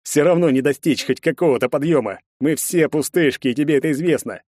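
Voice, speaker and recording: A man doing a drunk, bitter young brother for a storybook reading, with a raised, loud voice that jeers and sneers at everyone. The recording is dry and close, with no room sound. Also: on the high side, expressive, moderate pace, dry recording, pitched above the performer's own voice. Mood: accusing. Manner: sneering, jeering. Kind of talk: audiobook character voice.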